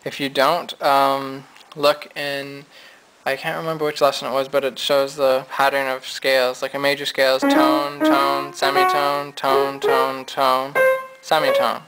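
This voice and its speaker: A man's voice: mid-range voice, completely flat delivery, unhurried, rough recording. A man giving a casual, chatty piano lesson, explaining his points at the keyboard. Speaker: music teacher. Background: piano notes.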